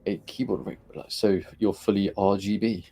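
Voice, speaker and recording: A man chatting casually on a live stream, relaxed and rambling with frequent fillers as he answers viewers. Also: on the low side, normal speed, slightly rough.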